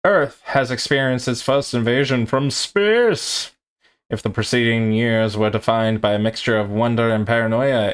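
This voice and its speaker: Guy doing an old newsreel announcer voice, slow and dramatic, kinda declaiming. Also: mid-range voice, clear, resonant tone. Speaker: reader of a tabletop game sourcebook.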